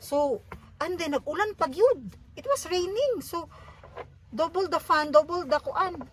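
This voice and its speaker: A woman in her thirties with a Filipino accent, vlogging as she tells an animated story on her travels. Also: very high-pitched, a little slow, slight background noise. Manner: animated storytelling mixing languages. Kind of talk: casual vlog chat.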